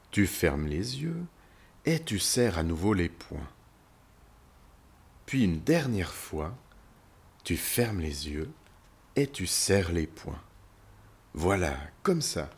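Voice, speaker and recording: Deep, gravelly male storyteller. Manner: gentle, reassuring, speaking directly to the listener. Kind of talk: guided imaginative story for children.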